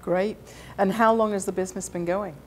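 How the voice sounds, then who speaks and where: A woman interviewing a student, asking questions in a friendly, halting way with many fillers. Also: medium pitch, fairly even intonation, a little mellow, slight background noise.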